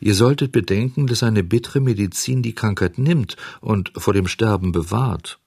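A man voicing a patient, motherly fairy woman in a storybook reading, gentle and coaxing, sometimes admonishing. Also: fairly low pitch, moderate pace, creaky, husky, dry recording.

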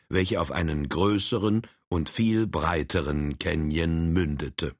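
A man narrating an adventure story in a steady storytelling manner. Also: low-pitched, no echo, studio quality. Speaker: audiobook reader. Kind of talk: scripted narration.

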